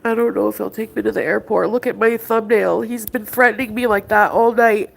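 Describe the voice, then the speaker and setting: A woman's voice: mid-range voice, fairly even intonation, a little fast, vocal fry, poor audio. A woman on a livestream ranting in an agitated way, arguing with someone offscreen and talking to her chat. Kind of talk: emotional livestream rant.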